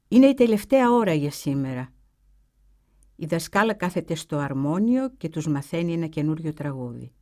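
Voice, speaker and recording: A woman giving scripted textbook narration, reading a story in an expressive storytelling style. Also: lowish voice.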